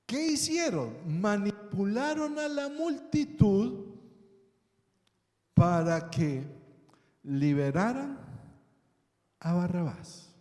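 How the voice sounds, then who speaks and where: A man preaches slowly in a big echoing church hall, his high voice rising and falling with lively swings. He keeps asking the congregation questions and checking in with them again and again. His tone stays dark and mellow. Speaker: pastor. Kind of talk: sermon.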